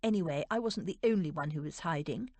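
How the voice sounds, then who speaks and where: A woman narrator voicing a sharp-tongued young noblewoman with a tart, indignant manner in a romance audiobook. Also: deep voice, a little fast, no room sound.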